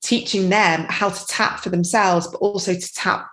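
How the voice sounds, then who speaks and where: A middle-aged woman, a tapping practitioner and parent, is a guest on a casual podcast interview, speaking at a moderate pace in a medium-pitched, slightly bright voice with fairly even intonation. Her talk is chatty and rambling, with many "you know"s, and the audio is poor.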